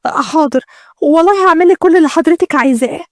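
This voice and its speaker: A woman's voice: very high voice, racing, a little mellow, no echo, studio quality, voice pushed up. A woman with an Egyptian accent voicing a frightened young bride who pleads in a raised voice. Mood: pleading. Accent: Egyptian Arabic. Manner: pleading, fearful.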